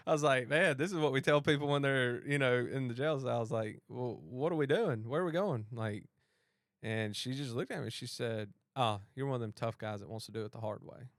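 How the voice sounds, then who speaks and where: Guy telling his story on a podcast, smooth voice, dry close sound. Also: medium pitch, brisk, no room sound. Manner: animated retelling, acts out both sides of a dialogue. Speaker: podcast host and police officer. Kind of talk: storytelling in a casual conversation.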